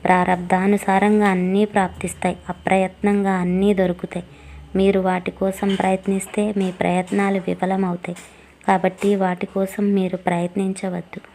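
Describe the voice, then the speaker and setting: A woman voicing a gentle old male saint. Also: medium pitch, level tone, normal speed, a little hiss or hum, lightly acted. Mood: instructing.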